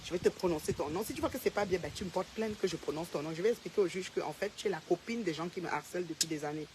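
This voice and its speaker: A woman's voice: fairly low pitch, very fast, noisy background. Confrontational woman ranting to camera. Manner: confrontational, addresses a rival directly and repeats herself. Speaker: social media personality. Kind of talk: direct-to-camera rant.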